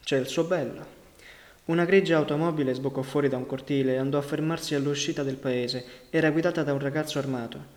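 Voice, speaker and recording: A man narrating a novel as an audiobook, in a measured, unhurried literary reading. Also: fairly high pitch, fairly even intonation. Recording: long reverberant hall sound.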